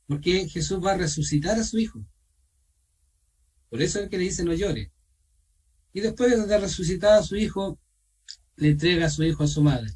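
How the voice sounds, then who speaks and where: High-voiced Chilean man leading online Bible study. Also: darkish tone, slightly rough, distant mic, rough recording. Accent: Chilean Spanish. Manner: asks questions of the group, repeats himself, pauses with fillers. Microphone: video call.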